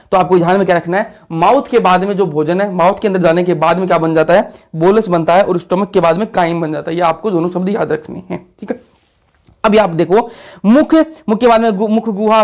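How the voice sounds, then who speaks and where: A man teaching biology for an exam. He asks a question, then repeats the answer, and drills the class with call-and-response questions. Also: high voice. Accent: Hindi-speaking north Indian. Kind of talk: exam-prep lecture over a diagram.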